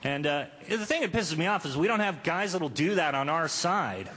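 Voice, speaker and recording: On stage at a live comedy show, a man in his thirties performs a conversational, crude, self-deprecating stand-up set. His voice is a little high, bright and forceful with lively intonation at a moderate pace, and the club recording is full of noisy audience and crowd ambience.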